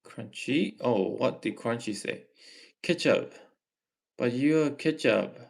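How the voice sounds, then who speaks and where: Hosting a casual livestream, a young Malaysian man reads viewer comments and offers earnest advice, speaking slowly and haltingly. His mid-range voice is expressive and creaky.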